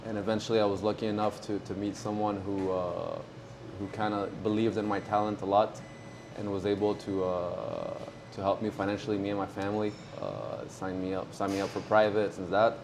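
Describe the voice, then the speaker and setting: Background noise accompanies a fairly low-pitched man in his twenties, a professional tennis player from Morocco. Speaking casually in an interview, he stays relaxed but hesitant, leaning on lots of fillers.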